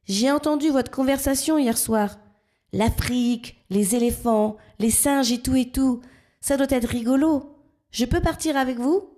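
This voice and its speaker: A woman's voice: high-pitched, unhurried, dark tone, pitched above the performer's own voice. A woman voicing an eager, talkative young female frog in a children's story.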